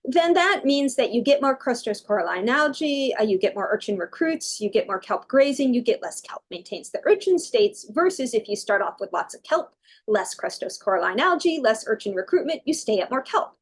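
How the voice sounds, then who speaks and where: A woman's voice: on the high side, sing-song, moderate pace. A middle-aged woman giving an academic research talk, explaining step by step with fillers and self-corrections. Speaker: university researcher giving a lecture.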